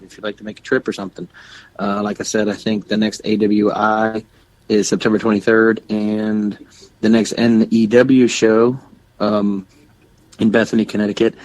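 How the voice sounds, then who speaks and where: A young man with a lowish, darkish voice co-hosts a wrestling podcast, chatting casually and rambling with many restarts. He plugs shows and websites, and the audio quality is poor.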